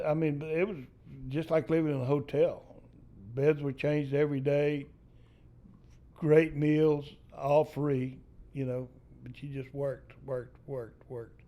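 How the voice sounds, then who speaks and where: A man's voice: mid-range voice, dark tone. An older man from East Texas with a Texan accent, telling a profane family story in casual storytelling style. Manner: salty, profane yarn-spinning.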